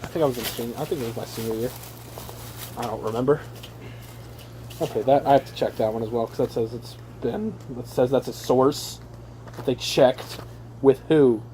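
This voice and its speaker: In a noisy amateur recording at home, a young man reads to his brothers with a mellow, mid-range voice, moderate pace, and frequent pauses. He plays it mock-earnest and jokey, swearing and slipping into offhand asides.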